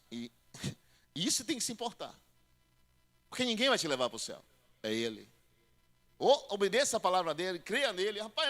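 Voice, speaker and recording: A man preaching a sermon as a pastor with a Bahian Brazilian accent, emphatic and direct, acting out doubters in a higher voice. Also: a bit bright. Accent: Brazilian Portuguese, Bahian. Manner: emphatic, calls listeners "querido" and "irmão", acts out doubters in a high voice.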